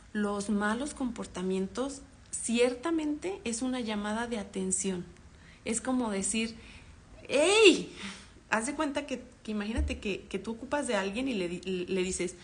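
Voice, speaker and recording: A woman psychologist with a Mexican accent, giving an online parenting workshop, explaining calmly and acting out example dialogues. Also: fairly high pitch, slight background noise.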